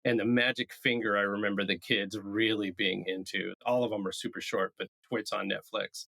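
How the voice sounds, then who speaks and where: Casting: male podcast co-host, bright tone, dry close mic, easy chat. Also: fairly low pitch, flat delivery, normal speed, vocal fry, no echo, rough recording. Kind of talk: casual chat. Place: New York City.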